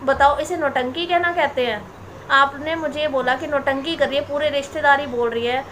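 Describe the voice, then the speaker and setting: A woman's voice: high voice, steady tone, normal speed, a bit bright, a little hiss or hum. A woman in her thirties vlogging straight to camera, indignant and defensive, repeating her points as she answers critics. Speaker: family vlogger. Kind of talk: direct-to-camera vlog rant.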